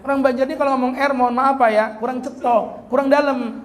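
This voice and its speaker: A man's voice: very high voice, fairly even intonation. A male preacher giving a humorous sermon at a police event, joking and mimicking regional accents. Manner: jokey, mimics regional accents, chants Quran slowly.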